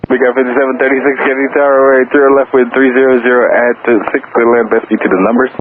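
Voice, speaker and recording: A man working as an airport tower controller rattles off clipped, procedural instructions in rapid radio phraseology. His mid-range voice stays fairly flat, and the air traffic radio transmission is narrow and staticky.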